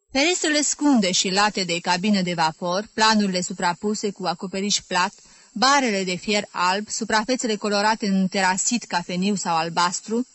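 A woman reads a literary novel aloud in a measured, clear voice. Her pitch sits in a middle register. The recording is dry and close-miked, with no room echo. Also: a bit bright. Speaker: audiobook narrator. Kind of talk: literary audiobook narration.

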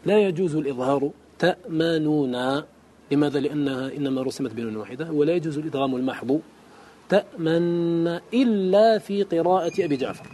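In a classical Arabic lesson, a man teaches the rules of Quran recitation, reading a poem's verses aloud and explaining each line. He quizzes his students and chants the Quranic examples slowly. His voice is slightly high, animated and mellow, with a little background noise.

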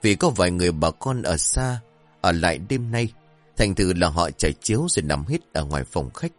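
A man's voice: deep voice, expressive, normal speed, soft background music. A man narrating a scripted horror story in a dramatic, suspenseful way.

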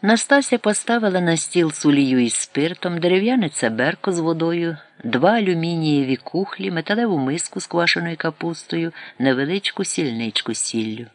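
A man narrating a novel as an audiobook in a measured, wry manner. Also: a little high, lively intonation. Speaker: audiobook reader. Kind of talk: scripted narration.

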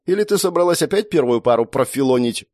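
A man's voice: medium pitch, animated, fast talker, darkish tone, no echo, studio quality, pitched above the performer's own voice, natural voice. A man voicing a boastful, cheeky teenage boy who teases his older sister. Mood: cocky. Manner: boastful, cheeky, whiny when dreaming. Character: cocky teenage boy, younger brother, daydreamer.

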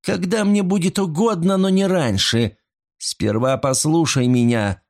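A man voicing a cold, scheming young woman who speaks in a deliberate, icy way, in a storybook reading. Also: fairly high pitch, darkish tone, voice pushed up. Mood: coldly menacing.

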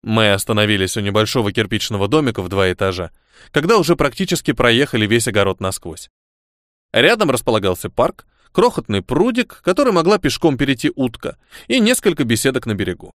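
Male audiobook narrator, expressive first-person reading, lively intonation, dead-dry studio sound. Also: medium pitch, a little fast, no room sound.

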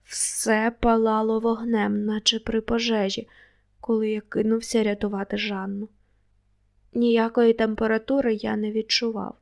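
A woman reading an audiobook aloud in a steady, even first-person storytelling voice. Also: on the high side, moderate pace, vocal fry. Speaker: audiobook narrator.

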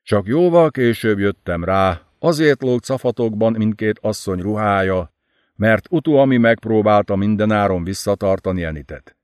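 A man narrating an audiobook in an expressive, dramatic storytelling manner. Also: lowish voice, smooth, no room sound, studio quality.

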